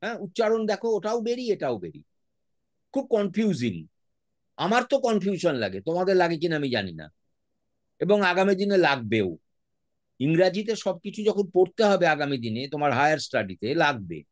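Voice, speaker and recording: Bengali-accented male teacher, online lesson, patient speller, animated pitch, dry sound. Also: fairly quick, no room sound. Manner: patient, spells words out letter by letter; mixes English words into his speech.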